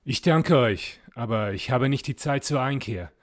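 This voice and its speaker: A man's voice: medium pitch, lively intonation, normal speed, pitched above the performer's own voice, lightly acted. A man voicing a brave, courteous knight who answers politely but firmly.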